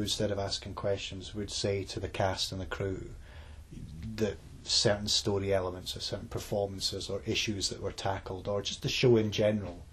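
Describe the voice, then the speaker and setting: A man with a husky, slightly breathy voice co-hosts a casual podcast. He rambles through his thoughts, restarts his sentences and laughs often. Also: fairly low pitch. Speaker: podcast co-host. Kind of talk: casual chat.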